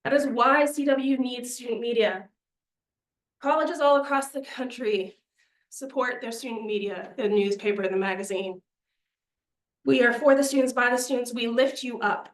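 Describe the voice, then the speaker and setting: A young woman presenting a student media budget to a committee, earnest and persuasive, a little out of breath. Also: on the high side. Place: meeting room. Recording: echoey meeting room.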